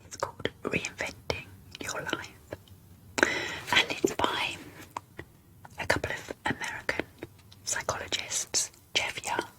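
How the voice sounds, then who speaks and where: A woman doing a whispered role-play in a soft, unvoiced ASMR whisper, speaking slowly and deliberately. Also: poor audio. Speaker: ASMR video creator.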